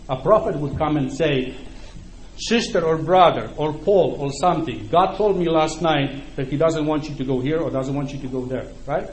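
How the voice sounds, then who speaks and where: In an echoey room with faint background noise, a middle-aged man from Poland preaches to his congregation conversationally and keeps checking in with his listeners. His voice is fairly high with a darkish tone; he is a native Ukrainian speaker who has a Polish accent.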